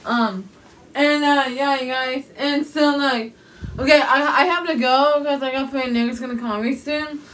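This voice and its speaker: In a casual vlog shot on a nearby propped-up phone, a young woman in a small room rambles to viewers, repeating herself and leaning on many fillers. She has a sore throat, and her high-pitched, steady voice is a bit bright and a little slow.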